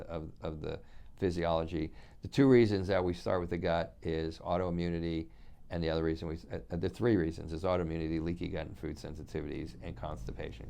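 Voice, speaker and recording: A man's voice: sits low, gravelly, a little mellow. A middle-aged man giving an unscripted health lesson to viewers, talking in loose, rambling sentences full of restarts and repeated words. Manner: addresses viewers directly. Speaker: functional medicine practitioner.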